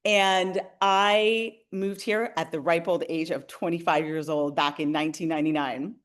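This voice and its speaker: A woman's voice: on the low side, fairly even intonation, normal speed. A woman in her forties from Canada, a realtor hosting a webinar, who talks in a friendly, enthusiastic way and speaks straight to her viewers. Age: 40s. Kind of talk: upbeat webinar presentation.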